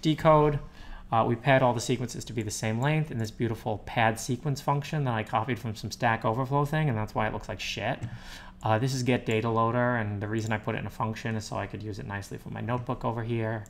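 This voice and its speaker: A man's voice: mid-range voice, fairly even intonation, fast, gravelly. A man livestreaming himself programming, explaining code in casual commentary with rambling, muttered asides, close on a desktop microphone. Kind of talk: casual live-coding commentary. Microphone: desktop USB microphone. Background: faint keyboard typing.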